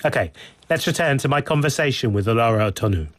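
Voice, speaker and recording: A man hosting a radio interview, introducing his guest and asking calm, measured questions. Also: medium pitch, no room sound, studio quality. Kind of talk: broadcast interview and narration. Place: radio studio. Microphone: studio microphone.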